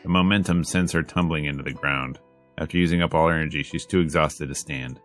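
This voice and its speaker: Over background music, a man streams a visual novel in a let's-play, reading it aloud dramatically and tossing in wry, casual, exasperated asides. His voice is rumbling low yet fairly bright, steady in tone, and fast.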